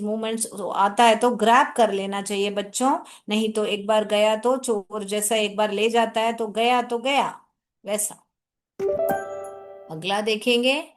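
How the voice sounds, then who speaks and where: A woman teacher with a fairly high voice explains a lesson slowly and deliberately. She reads each example sentence aloud with care and addresses her students fondly. Her manner is patient and methodical. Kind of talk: classroom lesson, explaining in Hindi with English examples.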